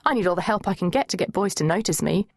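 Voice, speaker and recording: A woman's voice: on the low side, expressive, fast talker, vocal fry, no room sound, clean studio sound. A woman narrator voicing an earnest teenage girl who coaxes her friends along. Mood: coaxing. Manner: coaxing, earnest.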